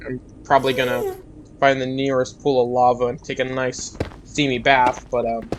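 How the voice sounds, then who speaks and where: A man's voice: mid-range voice, little pitch movement, normal speed, slight background noise, poor audio. A young man giving casual, rambling gameplay commentary, muttering to himself and joking at his own expense. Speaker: gaming YouTuber.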